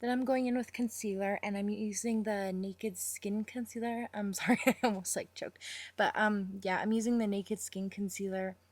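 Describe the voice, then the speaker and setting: A young woman talking casually through her makeup routine in a voice-over, chatty and rambling, with fillers and quick apologies. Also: medium pitch, fairly even intonation, darkish tone, no room sound. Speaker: makeup vlogger.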